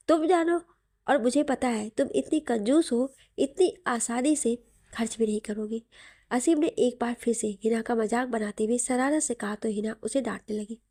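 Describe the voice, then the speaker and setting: A woman's voice: on the high side, warm tone, dry recording, clean studio sound. A woman narrating a romantic audio story and voicing both lovers in their dialogue.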